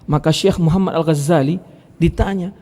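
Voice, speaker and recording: Medan-accented preacher in an echoing mosque. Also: male voice, fairly high pitch, normal speed. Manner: lively, direct, challenges the audience. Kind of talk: sermon with storytelling. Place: large mosque hall. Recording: reverberant mosque hall.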